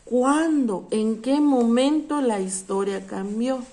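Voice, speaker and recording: Woman, teacher, patient, explanatory, rhetorical questions, slightly high-pitched. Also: slow, dark tone. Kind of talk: online class lesson.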